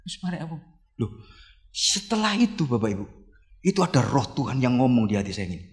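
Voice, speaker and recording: A man with a Javanese accent preaching a sermon as a pastor, telling a story with animation and now and then breaking into shouts. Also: medium pitch, big pitch swings, fairly quick. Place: church. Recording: reverberant church hall.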